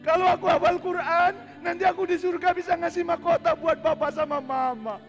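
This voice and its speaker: A man voicing an earnest young boy who is eager to please his father, speaking in pleading, drawn-out words. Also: very high voice, fairly even intonation, long reverb tail, highs cut off, music in the background, pitched above the performer's own voice.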